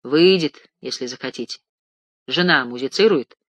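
Man doing a brisk upbeat surgeon, businesslike, dry close read. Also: medium pitch, fairly bright tone, no room sound, lightly acted. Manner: brisk, approving. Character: brisk, encouraging male surgeon.

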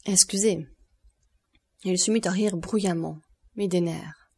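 A woman reading a classic novel aloud as audiobook narration, in an even, clearly articulated delivery. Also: on the low side, normal speed. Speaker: audiobook reader.

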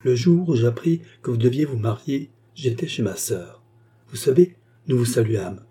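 A remorseful courtesan pours out her confession in an impassioned, pleading voice, read by a man. The tone is very dark and mellow, with a husky grain. It comes across as a figure in an audiobook. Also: mid-range voice, animated, moderate pace. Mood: confessing. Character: passionate remorseful woman courtesan.

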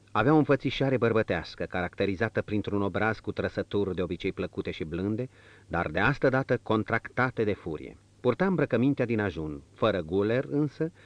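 A man narrating an audiobook in a dramatic, expressive reading, in a dull, dry recording. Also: lowish voice, no echo. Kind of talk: scripted narration.

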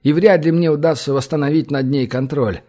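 A man's voice: fairly high pitch, fairly quick, dark tone, lightly acted. A man reading an audiobook, voicing a cunning young male gang leader who fakes helplessness in a mournful, hesitant way. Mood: sly. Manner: sly, mock-mournful, hesitant.

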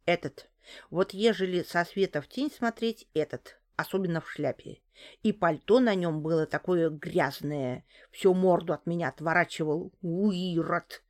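A gossipy old neighbor woman speaks in a homespun, rustic way, as a female audiobook reader puts her on. She sounds eager and sure of herself, and her voice sits a little lower than the narration. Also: unhurried, a little mellow, lightly acted. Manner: folksy, rustic speech.

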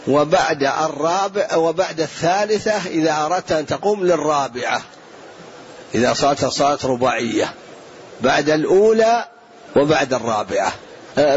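Man answering questions in a lo-fi lecture recording. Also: a little high. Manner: explanatory, measured, repeats points for emphasis. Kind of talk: religious lesson Q&A.

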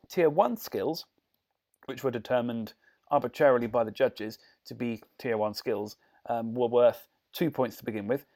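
A man's voice: medium pitch, creaky, mellow. A man with a Bristol-tinged English accent, hosting a podcast in a casual, jokey, rambling way. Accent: English, Bristol-influenced. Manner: jokey, digressive. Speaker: podcast host. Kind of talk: casual chat.

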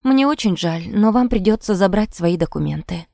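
A woman's voice: medium pitch, expressive, moderate pace, gravelly, dark tone, dry recording, studio quality. Formal school manager, read by a woman. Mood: formal regretful. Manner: formal, polite.

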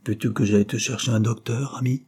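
A man's voice: medium pitch, steady tone, a little fast, dark tone, husky. A man voicing a kindly male Quaker neighbor in an audiobook, plain and helpful.

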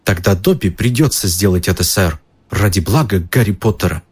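A man voicing a timid, anxious male house-elf who pleads and keeps saying sir, with a husky voice. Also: low-pitched, lively intonation, moderate pace. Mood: desperate. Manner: pleading, calls the listener sir.

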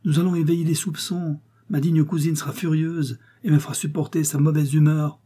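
A man's voice: fairly high pitch, little pitch movement, brisk, dark tone, breathy edge, pitched above the performer's own voice. A man reading aloud, voicing a flustered, sentimental young woman who pleads breathlessly. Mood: alarmed.

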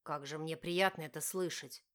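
A woman's voice: fairly even intonation, close to an everyday voice. A woman putting on a smug, mocking young husband. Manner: mocking, slow and low.

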